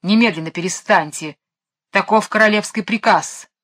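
A woman's voice: mid-range voice, normal speed, lightly acted. A woman reading a storybook aloud, voicing an irritable bossy king who barks orders. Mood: irritated. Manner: irritable, barking, shouting. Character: irritable bossy fairy-tale king, male, middle-aged.

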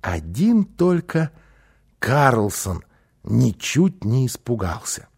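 A male narrator reading a children's story aloud with lively, expressive delivery. His voice has a gravelly, husky grain and an animated, wide-ranging melody that carries the scenes along. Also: medium pitch, takes it slowly. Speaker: audiobook narrator.

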